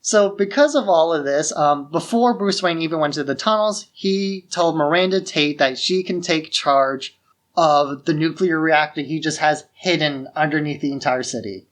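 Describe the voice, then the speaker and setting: This is a casual podcast recap of a film, delivered in a mid-range voice at a moderate pace. The host walks listeners through the story conversationally, explaining it as though to a friend.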